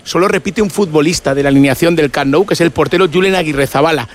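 A man's voice: a little high, fast. A man giving a pre-match briefing on sports radio. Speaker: football match reporter.

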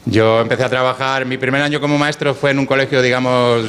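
A man from Madrid with a Madrid accent, a preschool teacher calmly explaining his classroom methods. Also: medium pitch, fast. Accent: Madrid Spanish. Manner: easygoing, explains clearly. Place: classroom with children. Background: children's chatter.

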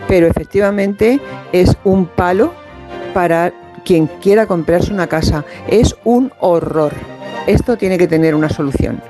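A woman's voice: on the low side, unhurried, dark tone, soft background music. A woman, calling a radio show in a frank, colloquial way. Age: 70s. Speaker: radio caller.

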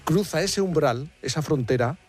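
A man hosting a radio talk show, laying out figures in a measured, explanatory way. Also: on the high side, lively intonation, slightly rough, faint music behind. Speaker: radio host.

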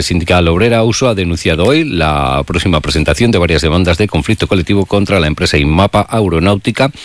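A man hosting a morning radio show, reading local news briskly and chatting with a co-host. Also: deep voice, no room sound.

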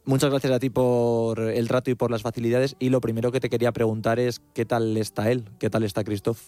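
A man's voice: medium pitch, flat delivery, fairly quick, warm tone, no room sound. Man presenting a sports radio interview.

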